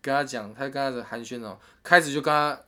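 A man's voice: medium pitch, fast talker. A man, telling a story in a casual chat and acting out what people said. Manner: animated retelling with quoted voices and laughs.

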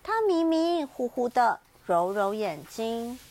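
Slow, gentle high-voiced storytelling mother. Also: sing-song. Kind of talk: children's bedtime story reading.

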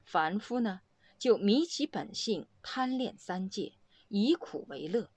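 A woman's voice: mid-range voice, expressive, takes it slowly, darkish tone, dry recording. A woman giving a Buddhist discourse to students as a teacher, explaining doctrine step by step in a didactic, sage-like manner.

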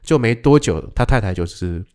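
A man, an actor, telling rambling, animated stories in a casual podcast chat. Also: lowish voice, normal speed, clean tone. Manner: rambling, animated storytelling with fillers.

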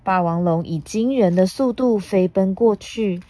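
A woman reading a picture book aloud as podcast host, gently asking a child questions along the way. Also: medium pitch, a little slow, no echo.

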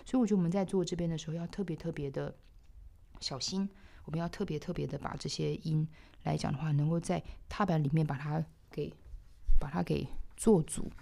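A woman explaining a piano score step by step in a thoughtful way, sometimes trailing off softly. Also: low-pitched, steady tone, fairly quick, creaky. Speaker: piano teacher. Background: piano playing.

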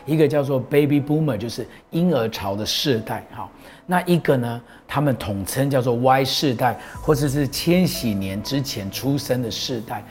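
A middle-aged man, a pastor giving an earnest, proclaiming talk that he mixes with personal stories. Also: medium pitch. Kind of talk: preaching talk on a show.

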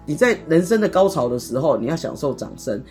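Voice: mid-range voice, sing-song, quick pace, over music. A podcast co-host, casually chatting and retelling a story theatrically, acting out the dialogue. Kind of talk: casual chat, dramatic storytelling.

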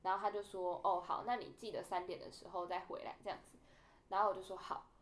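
A young woman tells a story on a casual podcast, talking quickly. She acts out the people she quotes with animated shifts in her voice, which sits in an ordinary middle register. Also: mid-range voice. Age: young adult. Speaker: podcast co-host.

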